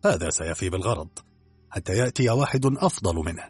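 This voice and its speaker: A bold, coolly commanding detective who gives firm orders, as a man reads him in an audiobook. The voice is husky and lively in pitch and sits close and dry. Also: quick pace, no room sound, soft background music. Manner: decisive and commanding. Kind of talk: audiobook character reading.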